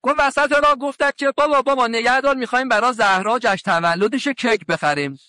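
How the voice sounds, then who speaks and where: A man's voice: very high-pitched, bright, forceful tone, no room sound. A man who is a cleric, giving a sermon in a colloquial way, retelling conversations with quoted lines from around Qom. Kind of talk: sermon with anecdotes.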